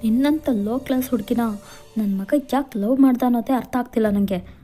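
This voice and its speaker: A woman's voice: fairly high pitch, a little fast, warm tone, faint music behind, natural voice. A woman doing a cold, ruthless rich father. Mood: menacing. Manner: cold, domineering, threatening. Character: ruthless rich older father threatening a girl. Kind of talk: fan fiction voiceover.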